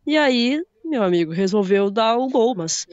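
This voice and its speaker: A woman's voice: fairly high pitch, animated, a little slow, a little mellow, no echo. A woman reporting from the stadium after a football match, blunt and indignant. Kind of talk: live football post-match talk. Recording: dull lo-fi remote feed.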